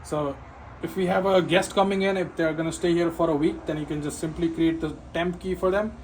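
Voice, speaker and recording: In a rough recording with clear ambient noise behind him, a security system installer demos a product informally and without a script. His voice is fairly high and darkish in tone, with fairly even intonation and a slightly fast pace. He explains step by step, frequently checking in with a "right?".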